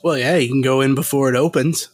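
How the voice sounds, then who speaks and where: A man's voice: mid-range voice, steady tone, quick pace. A man co-hosting a podcast in a casual, rambling chat, laughing often and swearing lightly. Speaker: podcast co-host.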